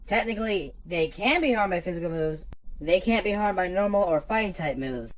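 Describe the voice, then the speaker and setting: A woman co-hosts a critical commentary in a lowish voice that moves a lot in pitch. She is blunt and dismissive, pointing out errors with a firm, unimpressed tone. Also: lively intonation, a little fast, rough recording. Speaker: commentary co-host.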